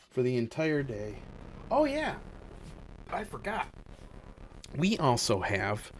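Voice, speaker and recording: Playing a game on his retro computer stream, the host keeps up lively, chatty banter and frequent exclamations. His voice is mid-range, with a bit of background noise behind it.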